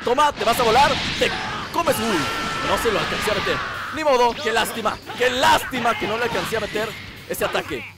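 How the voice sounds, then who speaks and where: A man's voice: high-pitched, expressive, fairly quick, over loud music. A man giving playful, teasing gameplay commentary, swearing casually. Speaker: gaming channel host.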